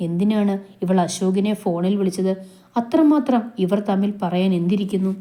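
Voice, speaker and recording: A woman reads a romance story aloud as a storyteller. Her narration is steady and even. Her voice is mellow and warm. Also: medium pitch, moderate pace.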